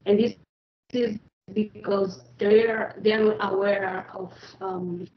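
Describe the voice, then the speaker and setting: A woman's voice: mid-range voice, flat delivery, slow pace, slight background noise. A woman speaking hesitantly as a panelist, her voice breaking up over an unstable video call connection. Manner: hesitant, many fillers and restarts. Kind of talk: online panel discussion. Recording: muffled lo-fi video call audio.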